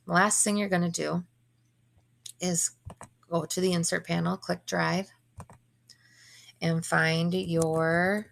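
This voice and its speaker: A young woman teacher walks her students through a computer task in quick, casual steps. Her voice is hoarse and heavily gravelly, sitting a little low. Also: a bit bright. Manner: quick, casual step-by-step instructions. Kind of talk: screen-recorded classroom tutorial.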